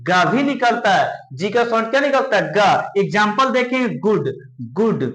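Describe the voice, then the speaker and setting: A man's voice: high voice, expressive, measured pace, fairly bright tone, roomy sound, low-quality recording. A man teaching English letter sounds, repeating questions and answers to his students. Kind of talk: spoken English lesson.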